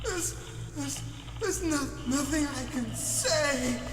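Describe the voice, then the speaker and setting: A man plays a desperate, panicked prisoner in a game, with an extremely high, strained cry. The victim stammers and pleads under torture. The voice echoes down a long hall with music behind. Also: drawn-out words, shouting, full character voice. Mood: desperate pleading. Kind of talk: dramatic game voice acting.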